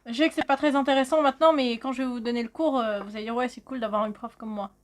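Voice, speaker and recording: Brief: bright high-pitched woman from France, casual vlog teacher, chatty, jokey, swears a bit. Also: fairly even intonation, fast. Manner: chatty, swears, jokes with friend. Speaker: video host teaching Khmer.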